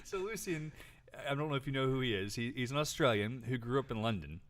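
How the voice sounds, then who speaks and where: A man's voice: medium pitch, fast. A man hosting a podcast in casual chat, playful and rambling, laughing often. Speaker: podcast host. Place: lives in Florida.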